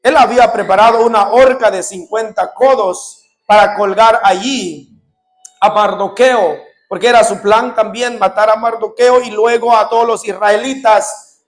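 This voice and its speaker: A male preacher retelling a scripture story in a sermon and speaking directly to his congregation. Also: high-pitched.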